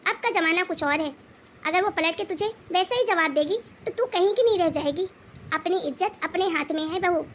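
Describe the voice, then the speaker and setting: Woman doing a bossy old grandma-in-law, scolding and preachy, super high pitched. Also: normal speed, slight background noise. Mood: lecturing. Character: stern wise old grandmother-in-law lecturing. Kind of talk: animated moral story voice acting.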